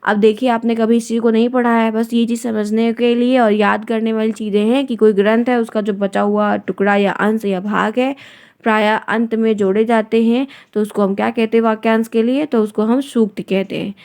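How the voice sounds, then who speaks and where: A woman's voice: a little high, little pitch movement, moderate pace, a little mellow, smooth. A woman teacher explaining exam questions step by step and often checking in with her students. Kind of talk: exam-prep lesson.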